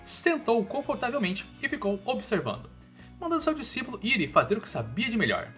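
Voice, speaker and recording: Over background music, a man with a Brazilian accent narrates a scripted story recap casually, with informal asides. His pitch is extremely high and sing-song, his pace a little quick, and his tone sharp.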